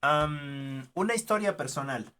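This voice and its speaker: A man's voice: on the high side, animated, a little slow, bright, forceful tone. A man with a Mexican Spanish accent teaching a graduate research class online, speaking conversationally with frequent tag questions and fillers. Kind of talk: online class, telling a personal anecdote. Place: home, remote online class. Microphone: computer mic on a video call.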